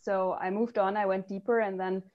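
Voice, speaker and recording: A woman's voice: mid-range voice, little pitch movement, moderate pace. Woman from germany on a podcast, lots of ums and restarts, sounds a bit dull and muffled. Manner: thoughtful, with frequent ums and restarts. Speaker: guest, user research lead. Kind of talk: podcast interview.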